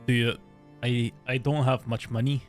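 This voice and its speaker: A man's voice: medium pitch, flat delivery, normal speed, soft background music. A man playing a tabletop role-playing game, speaking casually in character with a tentative, wavering character voice.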